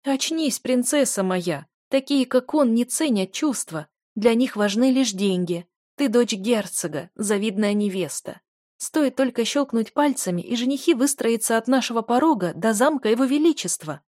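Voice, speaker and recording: A woman puts on a high, insistent noble mother who scolds and badgers her daughter in a raised voice. The storybook reading sounds close and dry, with no room around it. She pushes every line hard and will not back down. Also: lively intonation, normal speed, a little mellow, no room sound. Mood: scolding.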